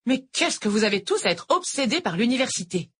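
A woman voicing a moody, bitter female math tutor in an audiobook, talking with a sharp, mock-cheerful edge. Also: a little high, very animated, brisk, breathy edge, voice pushed up, heavily acted.

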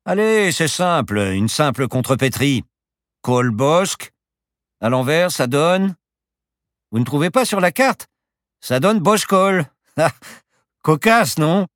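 A man's voice: a little high, animated, slow, pauses often, fairly bright tone, dry recording, studio quality, voice pushed up. A man voicing a boastful, eccentric professor who flies a plane and talks in grand, teasing phrases. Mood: playful boastful. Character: boastful eccentric old professor pilot, playful.

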